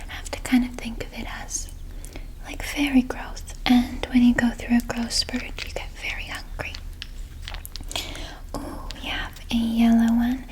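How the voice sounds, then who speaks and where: Whispered role-play: woman as nurturing flower fairy, soft breathy whisper, soothing, slow delivery, fairly high. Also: low-quality recording. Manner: soothing, unhurried. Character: gentle nurturing flower fairy befriending a newcomer.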